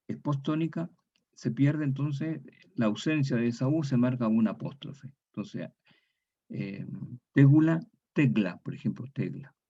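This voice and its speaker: Man, university lecture, patient step-by-step explaining, muffled low-fi audio. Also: warm tone. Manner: explains step by step, repeats terms, checks with the class. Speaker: lecturer in historical Spanish grammar.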